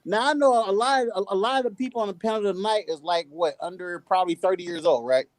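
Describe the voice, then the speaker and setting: A man's voice: high-pitched, fast talker, dry recording, poor audio. A man in his late forties speaking as a guest on a casual panel chat, plain-spoken and reflective, drawing his words out. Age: 40s.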